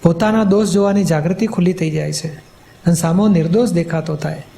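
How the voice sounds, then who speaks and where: A man's voice: fairly high pitch, brisk, creaky, mellow. A man, a spiritual teacher, patiently explaining in a question-and-answer talk, often checking that he is understood.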